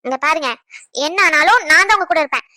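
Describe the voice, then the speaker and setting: A woman's voice: very high voice, fast, bright, forceful tone, no echo, studio quality. A woman voicing a jealous, chattering young pregnant wife. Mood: jealous teasing. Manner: playful, scolding, then tender.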